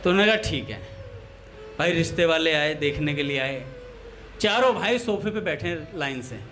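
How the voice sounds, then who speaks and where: Telling a humorous story of brothers who lisp, a satsang speaker copies their voices for laughs and weaves in everyday anecdotes throughout his devotional talk. His voice is on the high side and a bit bright, lively in intonation and moderate in pace, with faint music behind.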